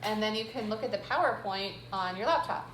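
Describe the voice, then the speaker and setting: A woman's voice: medium pitch, brisk, a bit bright, roomy sound, slight background noise, rough recording. A woman teacher chatting casually and jokingly with her class, full of fillers. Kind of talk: casual classroom chat with students.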